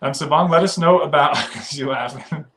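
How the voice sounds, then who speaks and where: His voice runs on the high side and a bit bright, at a normal speed. He's a western US man hosting a laid-back livestream, chatting loosely, laughing frequently and reading viewers' comments out loud.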